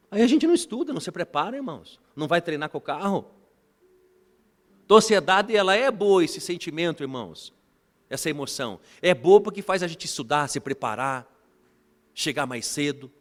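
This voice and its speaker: A man from Brazil preaching a sermon as bishop, animated, often calling the congregation brothers and telling family stories. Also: high voice, fairly quick, pauses often. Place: church. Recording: reverberant church hall.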